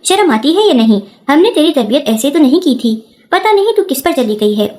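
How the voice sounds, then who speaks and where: A woman's voice: fairly high pitch, very animated, dark tone. A woman voicing a stern older mother who scolds her daughter in a reproachful, lecturing way. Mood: scolding.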